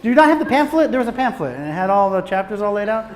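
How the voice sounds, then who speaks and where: Fast-talking American man lecturing in a hall. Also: high voice. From Michigan, USA. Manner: animated, joking, swearing, restarts sentences. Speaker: film director giving a talk. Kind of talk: casual lecture to a live audience. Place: hot lecture room with an audience.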